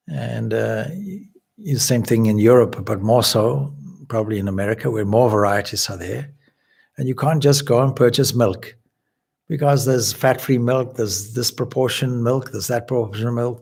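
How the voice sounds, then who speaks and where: A man from Zimbabwe, a swami, giving a measured, explanatory spiritual lecture. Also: medium pitch, vocal fry, a little mellow, breathy edge. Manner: measured, explanatory, with occasional restarts.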